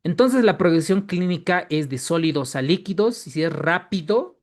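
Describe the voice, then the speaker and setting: A man giving an online medical exam-prep lecture. He repeats key terms and tags his lines with quick checks for agreement. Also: sits high. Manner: lively, emphatic rises on key terms.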